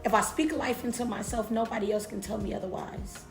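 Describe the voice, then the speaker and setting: A woman's voice: fairly high pitch, steady tone, brisk. A woman giving an informal, conversational motivational talk, emphatic and preacher-like, repeating phrases to encourage her listeners. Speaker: motivational speaker. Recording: roomy echo with music behind. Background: music.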